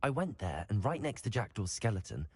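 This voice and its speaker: An actor playing an eager, polite young British student of magic in a video game, speaking earnestly and clearly. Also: male voice, lowish voice, very animated, fairly quick, a little mellow, exaggerated voice. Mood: earnest, excited. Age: young adult. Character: eager, polite teenage male wizard student. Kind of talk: scripted video game dialogue.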